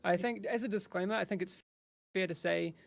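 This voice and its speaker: Man, stream host, chatty, rambling, gravelly fry, live studio interview. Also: high-pitched, fairly quick, no room sound. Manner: chatty and rambling, with frequent restarts. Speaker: livestream host interviewing developers.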